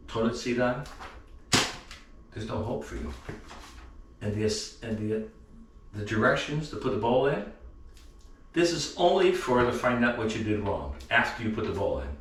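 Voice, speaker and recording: A man's voice: on the low side, lively intonation, normal speed, long pauses, a little hiss or hum. A middle-aged man remodeling his house, rambling through dry, self-mocking jokes as he shows off a new toilet. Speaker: home remodeler. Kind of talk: casual joking vlog. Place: room of a house under remodel. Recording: echoey bare room, mic at a distance.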